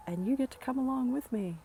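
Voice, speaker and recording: A woman's voice: sits high, mellow, a little hiss or hum. A woman speaking earnestly into her phone outdoors near her home, giving a reflective motivational vlog with sighs between thoughts. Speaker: vlogger.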